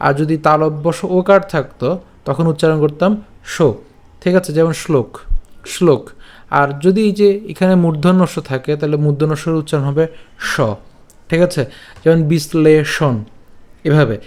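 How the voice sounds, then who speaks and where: A man teaching scripture recitation over slides, breaking words into syllables slowly and patiently, often checking that listeners follow. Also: a little high, a little mellow. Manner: patient, repeats each syllable, checks understanding. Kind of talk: slow syllable-by-syllable pronunciation lesson.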